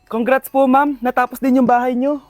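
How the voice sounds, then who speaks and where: A woman playing a female construction engineer who reports news in a calm, polite, businesslike way. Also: high voice, normal speed, dry recording, faint music behind, lightly acted. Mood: matter-of-fact.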